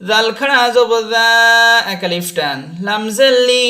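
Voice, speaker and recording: A man teaching Quran reading, spelling out each letter and vowel mark and then repeating the word slowly. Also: extremely high pitch, lively intonation, fairly bright tone. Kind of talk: slow spelled-out recitation lesson.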